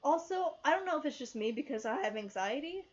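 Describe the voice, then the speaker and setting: A woman's voice: high voice, lively intonation, fast talker. A young woman co-hosting a casual movie review chat, talking animatedly with emphatic rhetorical questions. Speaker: film review co-host. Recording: dull lo-fi sound.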